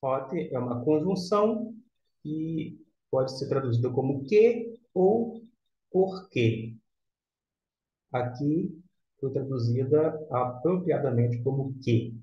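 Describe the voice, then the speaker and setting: A man giving a slow, deliberate lesson, explaining step by step with frequent pauses and fillers. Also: fairly high pitch, mellow. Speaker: teacher. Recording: echoey room, dull lo-fi sound.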